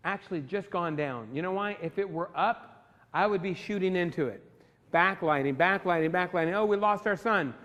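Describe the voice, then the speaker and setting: A man's voice: high-pitched, fairly bright tone. Upbeat man teaching in a reverberant hall. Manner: enthusiastic, talks to the class directly. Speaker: photography instructor. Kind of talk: live workshop lecture. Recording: long reverb in a large room.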